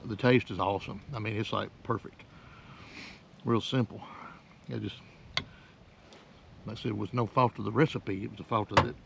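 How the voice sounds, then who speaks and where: Easygoing male camping vlogger, low and gravelly, rambling chat to camera. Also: steady tone, moderate pace, pauses often, fairly bright tone, a little hiss or hum. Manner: easygoing, rambling, plain-spoken. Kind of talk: casual talk to camera. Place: outdoors on a mountain, then in a truck bed.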